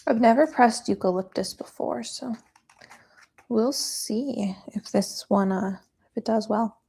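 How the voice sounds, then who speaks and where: A woman's voice: on the high side, measured pace, vocal fry, dark tone, husky. A woman chatting casually as she works through a live flower pressing demo, thinking aloud and a bit out of breath.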